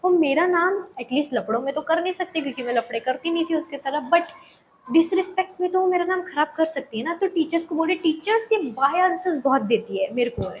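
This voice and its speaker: A young woman telling a personal story in a casual, animated way, often slipping English words and phrases into her talk. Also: sits high, brisk, slight background noise, low-quality recording. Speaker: vlogger.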